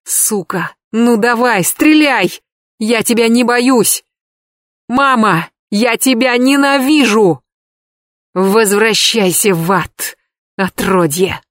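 A woman reading an audiobook, voicing a young man who shouts in fury at his mother. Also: on the high side, slow pace, few pauses, no room sound, studio quality, voice pushed up. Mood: furious.

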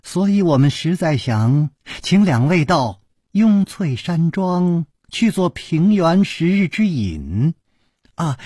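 A gracious, playful young lady with a lifted, husky voice, done by a male storyteller. She speaks smiling and lilting, dry and close to the mic. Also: a little high, darkish tone, no echo, pitched above the performer's own voice, full character voice. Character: charming, witty young lady of a manor. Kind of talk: radio storytelling.

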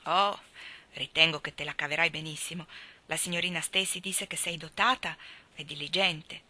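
A woman voicing a stern, practical older woman raising an orphan girl, speaking in a dry, firm and measured way, in an audiobook reading. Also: deep voice, fairly even intonation, sharp tone.

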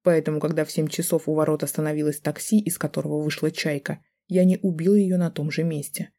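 A man's voice: fairly high pitch, level tone, mellow. Man reading a brooding audiobook. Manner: tense, brooding, measured. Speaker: audiobook narrator. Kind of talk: first-person scripted narration.

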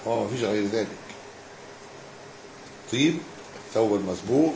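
A man with an Egyptian accent teaching a religious lesson as a sheikh, explaining and briskly answering students' questions. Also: on the low side, animated, vocal fry, a little mellow. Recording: echoey hall with background noise.

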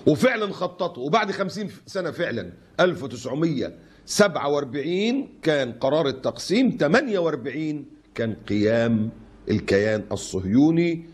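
Fast, husky Egyptian preacher. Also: male voice, fairly high pitch, big pitch swings. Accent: Egyptian Arabic. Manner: scolding, mocking, rhetorical questions. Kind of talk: colloquial sermon.

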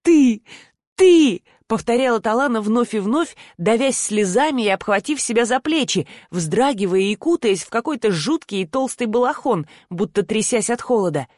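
A woman narrating a novel in the first person with steady, even storytelling. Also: on the high side, moderate pace, few pauses, no echo, clean studio sound. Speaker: audiobook narrator.

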